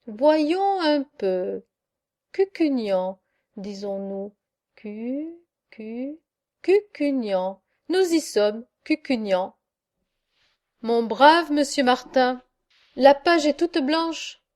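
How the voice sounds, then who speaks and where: A woman's voice: high voice, animated, very slow, darkish tone, exaggerated voice. A woman reading an audiobook voices Saint Peter, a fatherly old gatekeeper of heaven who speaks genially and without hurry. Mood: musing.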